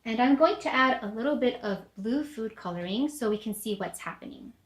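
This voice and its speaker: A woman's voice: on the high side, expressive, brisk. A woman presenting a product in an upbeat, chatty demo, with the odd filler. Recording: echoey room.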